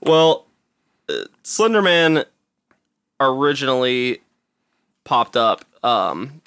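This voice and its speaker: A man's voice: medium pitch, big pitch swings, takes it slowly, fairly bright tone, clean tone, dry recording. A young man co-hosting a podcast in casual chat, rambling with many fillers and laughing often. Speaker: podcast co-host.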